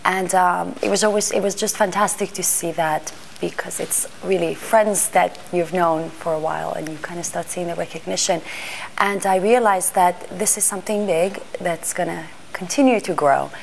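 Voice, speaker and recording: An art fair panel organizer, a middle-aged woman born in Iran and raised in Greece and Washington D.C., gives a thoughtful interview monologue, often restarting and using fillers as she searches for words. Her voice is low-ish with vocal fry, at normal speed, over slight background noise.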